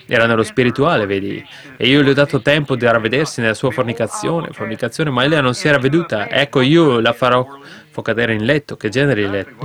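A man preaching a sermon, emphatic, with many rhetorical questions to the congregation, swinging between raised bursts and low asides. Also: a bit bright.

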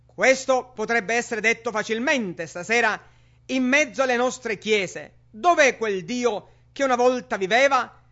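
A man's voice: extremely high pitch, unhurried, pushed and bright. A man preaching a sermon with emphatic rhetorical questions to the congregation. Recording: dull lo-fi sermon recording.

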